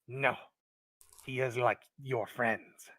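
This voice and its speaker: A man's voice: mid-range voice, steady tone, no room sound. A man voicing a suspicious kobold guard. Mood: scornful. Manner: loud, slow and accusing.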